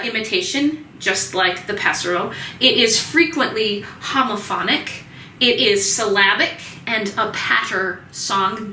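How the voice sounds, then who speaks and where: A woman's voice: a little high, sharp tone, echoey room, far from the mic, a little hiss or hum, rough recording. A woman teaching music history in a chatty recorded lecture, with many ums, sometimes acting out the sounds in the music. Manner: chatty, many ums, voices vendor cries and hen clucks for fun.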